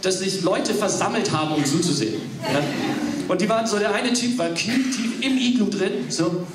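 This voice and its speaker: Stand-up comic, man, 30s: high, animated, echoing and distant on stage, loud audience noise. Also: moderate pace. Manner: animated storytelling, often laughing. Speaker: stand-up comedian. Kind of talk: stand-up comedy set. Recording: echoey stage sound from far off, loud audience.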